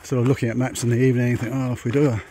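Warm and rapid-fire, a man's medium-pitched voice barely moves in pitch as he vlogs his way along a long pilgrimage route. He rambles through his plans, thinking out loud, while walking a rural dirt track. Countryside noise comes through in the noisy recording.

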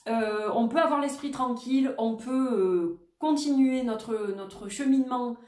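A woman's voice: on the high side, a little slow, far from the mic. Echoey woman reading oracle cards. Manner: gentle, reassuring, repeats herself a lot. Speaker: tarot and oracle card reader. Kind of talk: daily card reading to viewers. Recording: roomy echo, voice set back from the mic.

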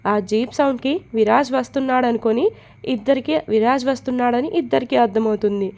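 A woman narrating a love story in a steady, plain storytelling manner. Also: a little high, quick pace.

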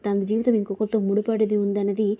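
A woman's voice: medium pitch, level tone, quick pace, narrow, tinny audio, lightly acted. Woman narrator voicing defiant young wife, Mithuna. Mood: angry. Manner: insistent, confrontational questioning. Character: angry young married woman, fiercely defiant.

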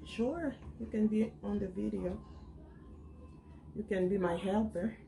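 A woman's voice: mid-range voice, unhurried, creaky, warm tone, a little hiss or hum. A woman in her thirties, a mother, chatting and giving step-by-step cooking instructions in a home kitchen to a camera on the counter.

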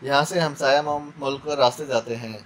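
A man's voice: medium pitch, steady tone, brisk, fairly bright tone, slight background noise, natural voice. A man voicing a wounded male captive under torture, stammering and pleading for mercy. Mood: shaken confession.

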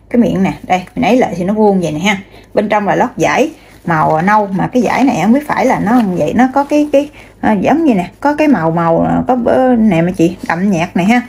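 A woman's voice: medium pitch, a little mellow, slight background noise. A woman, showing bags one by one and chatting straight to her viewers, with many fillers. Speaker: online seller. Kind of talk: casual product showcase.

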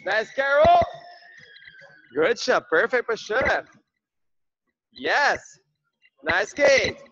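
High-pitched, hard-driving gym-bro fitness coach, male. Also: very animated, extremely slow, vocal fry, bright, forceful tone, highs cut off. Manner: high-energy gym-bro encouragement, clipped repeated praise. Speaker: group fitness instructor. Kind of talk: workout class coaching, shouted cues and countdowns. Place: large indoor gym, on a video call.

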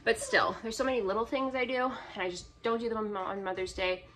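Speaking briskly in a slightly high voice, this woman in her thirties chats her way through cooking at home, her rambling, offhand self-commentary captured on a phone. She's a home cooking vlogger, and kitchen clicks and clear background noise fill the recording.

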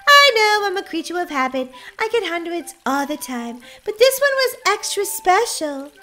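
A woman's voice: extremely high pitch, sing-song, moderate pace, pushed and bright, exaggerated voice. A woman voicing a cheerful, studious young girl in a game role-play story. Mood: excited. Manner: bubbly, eager.

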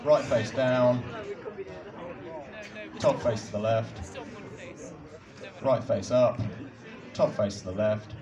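A man's voice: medium pitch, steady tone. A young man on an outdoor stage at night, politely giving step-by-step instructions into a handheld mic. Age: young adult. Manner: patient, polite, slow instructions with soft laughs. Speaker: instructor guiding a cube solve. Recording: distant mic with crowd and music.

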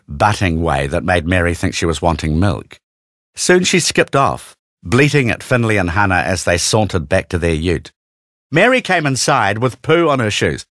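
A man's voice: fairly low pitch, dry recording, studio quality. A man with a New Zealand accent narrating a children's storybook, putting on character voices. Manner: animated, doing character voices.

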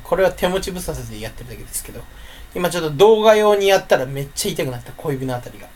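A man's voice: fairly high pitch, animated, racing, darkish tone, a little hiss or hum. A sleepy man with a stuffy nose rambling to himself in a casual solo chat, often correcting himself. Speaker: channel host.

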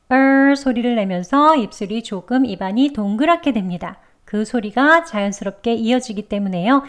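Higher-pitched woman teaching pronunciation. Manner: calm, precise, explains step by step; models words very slowly and deliberately. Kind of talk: scripted pronunciation lesson.

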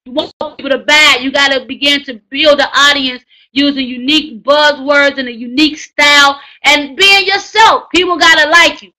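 A woman teaching a writing class, coaching loudly and repetitively in slangy, preacher-like exhortation. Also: sits high, steady tone, normal speed, hardly any pauses, poor audio. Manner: loud, hollering, preacher-like exhortation. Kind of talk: live online class on book promotion.

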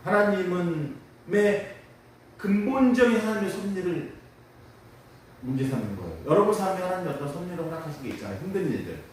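Male pastor, dawn sermon, lively rising-and-falling delivery, acts out prayers; boomy sanctuary, distant mic, faint hiss. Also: fairly quick, heavy reverb. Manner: animated, acts out prayers and complaints in quoted voices. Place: church sanctuary.

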